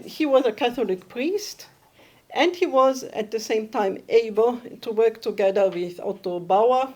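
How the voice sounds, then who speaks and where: A woman from Austria, giving a conference presentation and often pausing to search for her words. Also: medium pitch, darkish tone. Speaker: academic conference speaker.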